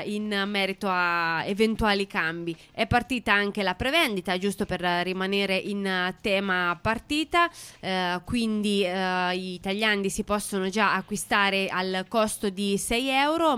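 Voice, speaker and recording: Female radio host, sports talk. Smooth, crisp voice, dry close sound, halting delivery with stressed key words. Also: mid-range voice, fairly bright tone, dry recording.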